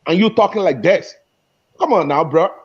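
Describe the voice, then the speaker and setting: A man with a notably high voice argues with passion, tripping over and repeating his words as he pushes his point. The audio is dull and lo-fi. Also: lively intonation, normal speed, husky. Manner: passionate, repeats and restarts phrases. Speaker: guest speaker in an online discussion. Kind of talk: heated debate.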